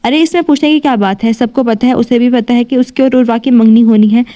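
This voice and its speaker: A woman voicing a brisk, bossy aunt. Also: on the high side, dark tone, close to an everyday voice. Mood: scolding. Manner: brisk, scolding. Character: assertive middle-aged aunt, bossy.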